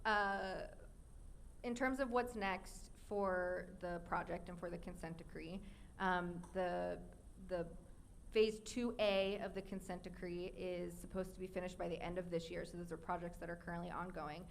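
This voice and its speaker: A woman with a low, gravelly voice hosts a live podcast Q&A in front of an audience. She explains things clearly and slips in quick asides. Faint room sound sits behind her. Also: fairly even intonation, a little hiss or hum. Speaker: podcast host and reporter. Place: live audience event indoors.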